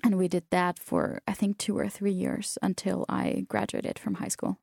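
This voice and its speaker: A young woman from South Tyrol, Italy, whose first language is German, tells stories casually in an interview, chatty and full of fillers and restarts. Her mid-range voice is flat and darkish, with vocal fry and a moderate pace. The recording is clean studio sound with no room sound.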